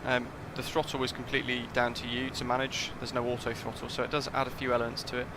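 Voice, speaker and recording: A man's voice: medium pitch, monotone, fast talker, background noise. A man casually talking through a flight sim live stream, thinking aloud and chatting with his viewers.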